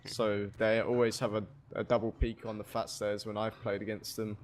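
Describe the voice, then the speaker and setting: A man's voice: lowish voice, flat delivery, normal speed, slight background noise. Male co-caster giving match analysis. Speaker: esports co-caster. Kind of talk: live esports commentary.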